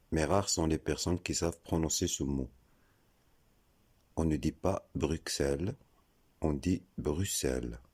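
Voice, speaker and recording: A man with a very deep, dark voice explains pronunciation in a slow, deliberate way. He spells words out letter by letter, like a patient teacher. His tone is husky. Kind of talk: scripted explanatory lesson.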